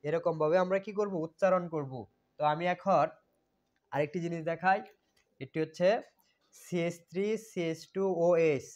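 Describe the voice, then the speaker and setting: A man with a fairly high voice teaches a chemistry lesson, and the recording sounds muffled and lo-fi. He repeats his points and keeps asking questions, then answering them himself. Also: steady tone, moderate pace, pauses often, a little mellow. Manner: repetitive, asks and answers own questions. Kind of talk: classroom lecture. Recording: dull lo-fi recording.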